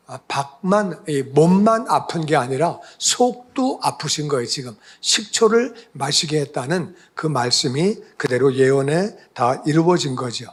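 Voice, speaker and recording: A man's voice: fairly high pitch, husky. A male pastor giving a conversational sermon, often asking the congregation questions.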